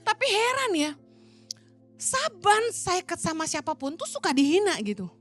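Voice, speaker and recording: A middle-aged woman from Indonesia gives a sermon in a high voice, talking like a friend telling a story. She slips into the voices of the people she quotes. Faint music plays behind her. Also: big pitch swings, normal speed, a bit bright. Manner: chatty, colloquial, acts out quoted voices. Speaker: preacher.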